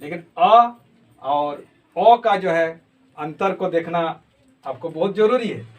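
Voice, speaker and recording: Slow high-voiced man teaching script. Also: expressive. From Jharkhand, India. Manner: slow, repeats sounds to demonstrate them. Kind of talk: explanatory lesson. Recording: voice from a distance.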